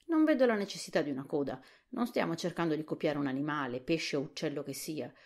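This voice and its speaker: A woman voicing a practical, matter-of-fact male tin woodman in a soft whispered role-play audiobook. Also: low voice, animated, quick pace. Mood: explaining.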